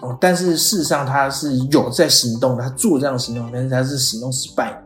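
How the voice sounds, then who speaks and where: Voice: mid-range voice, fairly even intonation, fast talker. Podcast host in an echoey room. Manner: explains step by step, frequent "哦" fillers, acts out quoted lines. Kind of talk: explanatory podcast lecture. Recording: roomy echo with faint background music.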